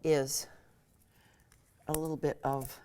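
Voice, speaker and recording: A woman's voice: sits low, level tone, slow, heavy background noise. A woman cooking expert, a guest on a TV cooking segment, who is chatty and enthusiastic and laughs easily. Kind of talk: studio cooking segment chat.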